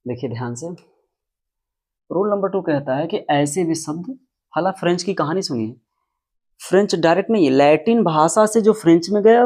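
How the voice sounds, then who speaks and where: In a classroom-style explanation, a man teaches English pronunciation, stressing the rules emphatically and repeating key words. His voice is on the high side with a darkish tone.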